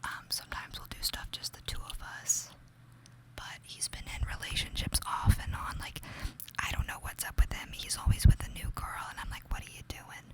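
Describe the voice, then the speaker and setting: A woman's voice: normal speed, low-quality recording. A young woman with a New York accent telling a gossipy, casual ASMR story in a whisper, confiding and chatty, often saying "like". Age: young adult. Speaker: ASMR creator.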